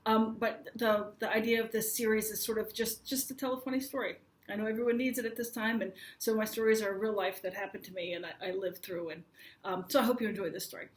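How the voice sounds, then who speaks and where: A woman's voice: medium pitch, steady tone, quick pace. An American woman in her forties casually telling a funny personal story to camera, chatty and laughing as she goes. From United States. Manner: chatty, laughs while telling, acts out dialogue.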